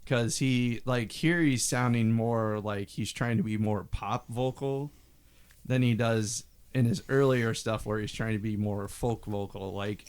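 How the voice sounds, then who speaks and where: Guy chatting about an old record, smooth voice, tells stories and does little impressions. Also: lowish voice, steady tone, a little slow. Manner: rambling storyteller, mimics singing and quotes. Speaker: podcast co-host. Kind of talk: casual album discussion.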